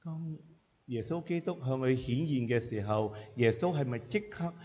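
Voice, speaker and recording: A man interpreting a sermon phrase by phrase, measured, with frequent filler sounds between phrases. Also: mid-range voice, expressive, a little mellow. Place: church hall. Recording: echoey hall, dull sound.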